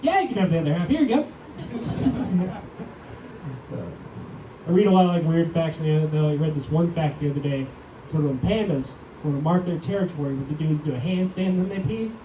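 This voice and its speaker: Young guy doing standup, high voice, deadpan and self-deprecating, echoey club mic, crowd noise behind. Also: a little fast, distant mic. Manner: deadpan, self-deprecating, acts out quotes in a raised voice. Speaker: stand-up comedian. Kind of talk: stand-up comedy set. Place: comedy club stage.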